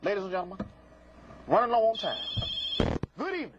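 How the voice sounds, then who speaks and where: Fast, high-pitched and very animated, the host of a live psychic call-in show tells off prank callers in a sassy, theatrical way. He talks in folksy, colloquial language and keeps repeating catchphrases; the broadcast audio is muffled and lo-fi, with clear noise and clicking.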